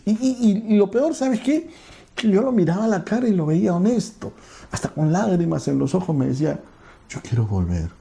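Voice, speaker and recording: Male pastor, gravelly and mellow, earnest sermon storytelling with a quiet prayerful close. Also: medium pitch. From Peru.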